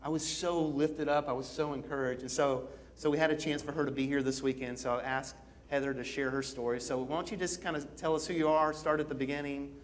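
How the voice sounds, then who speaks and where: A man's voice: a little high, fairly even intonation, fast talker, a little hiss or hum. A man preaching a conversational sermon as pastor, casual and engaging, often checking in with his listeners.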